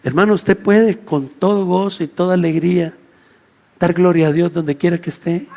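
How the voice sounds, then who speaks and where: A man's voice: sits high, moderate pace, gravelly. A male pastor with a Guatemalan accent preaching a sermon, addressing the congregation and acting out the voices of the people he quotes. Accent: Guatemalan Spanish. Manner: animated, acts out quoted voices, calls out to the congregation.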